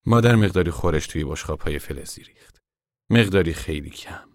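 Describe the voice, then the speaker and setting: Fields: deep-voiced male narrator, soft and measured. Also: lively intonation, no echo, studio quality. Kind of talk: scripted narration of a novel.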